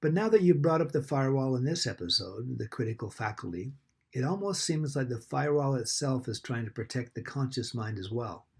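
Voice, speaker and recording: A man's voice: medium pitch, lively intonation, fairly quick, creaky, husky. A man co-hosting a podcast, asking questions in a conversational interview style.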